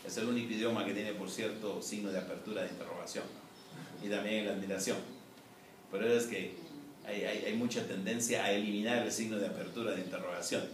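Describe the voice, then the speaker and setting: A man as a professor giving a recorded class lecture, explaining in a measured way with frequent "eh" and "¿no?" tags. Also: lowish voice, fairly even intonation. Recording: echoey room, distant mic, faint noise.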